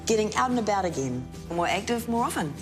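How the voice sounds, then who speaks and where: A woman's voice: medium pitch, animated, fast talker, over music. Upbeat woman in a health commercial. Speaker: ad presenter as health expert. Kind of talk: scripted TV commercial.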